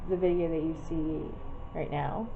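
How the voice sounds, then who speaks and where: A woman in her thirties with a cold, sounding congested, vlogs her day at home and then outside by the front door, chatting, rambling, and laughing often. Her low voice has vocal fry and fairly even intonation at a normal speed. The camera audio is dull and lo-fi, with background noise.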